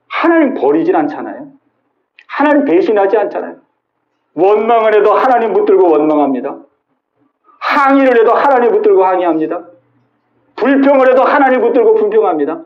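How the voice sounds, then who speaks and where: A man preaching a Sunday sermon as pastor, emphatic and prodding his listeners with repeated short tag questions. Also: sits high. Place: church sanctuary. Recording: roomy, dull lo-fi church recording.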